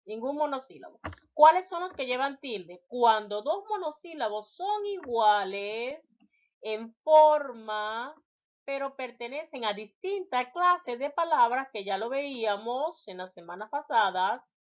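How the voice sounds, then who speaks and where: A woman's voice: on the high side, expressive, unhurried, highs cut off. A woman teacher giving a spelling lecture, reading out word lists and addressing her students directly.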